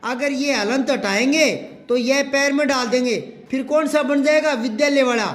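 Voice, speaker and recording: A man with a very high voice teaches a Hindi grammar lesson. He quizzes the class and repeats key words until they stick. His delivery is that of a patient classroom drill. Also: moderate pace.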